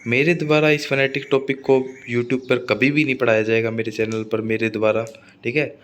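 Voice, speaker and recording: A man's voice: medium pitch, level tone, moderate pace, a little hiss or hum. A man teaching an exam-prep phonetics lecture, often repeating points and checking in with his students.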